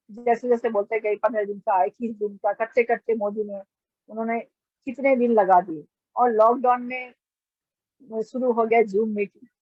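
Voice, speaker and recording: A woman's voice: fairly high pitch, no room sound. A middle-aged woman from giving an earnest personal testimony in a storytelling way, often restarting her sentences. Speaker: testimony speaker. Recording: dull lo-fi recording.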